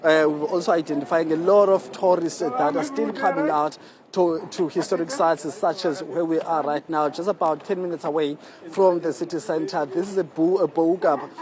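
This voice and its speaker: A man's voice: a little high, fairly even intonation, normal speed, a crowd in the background. A South African man giving a conversational, wordy live news report from the street. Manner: conversational, wordy, frequent "you know". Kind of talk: live on-location report and interview. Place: outdoors on a city street. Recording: outdoor street, faint traffic noise.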